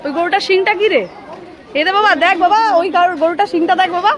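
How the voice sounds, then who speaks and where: A woman's voice: very high-pitched, fairly even intonation, fast talker, a bit bright. A woman vlogging as a mother at an outdoor cowshed, coaxing and warning her child and repeating words over and over. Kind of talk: casual vlog narration and talking to a child. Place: outdoor cowshed with people around. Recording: busy outdoor crowd noise.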